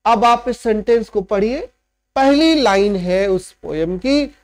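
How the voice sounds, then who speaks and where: Slow, lively-pitched male teacher. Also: clean tone. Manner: repeats each point and keeps checking understanding with "right?"; mixes in slow, word-by-word English definitions. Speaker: literature teacher. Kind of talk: online lecture explaining poetic meter.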